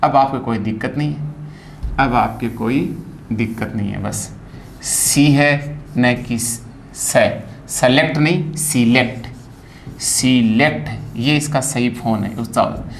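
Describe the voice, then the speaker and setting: A man teaching a phonetics lesson, spelling words out and repeating each sound slowly. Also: mid-range voice, creaky, a little hiss or hum.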